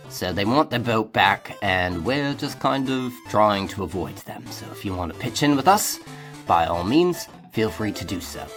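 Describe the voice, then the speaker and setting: A man doing a loud, blunt pirate captain. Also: lowish voice.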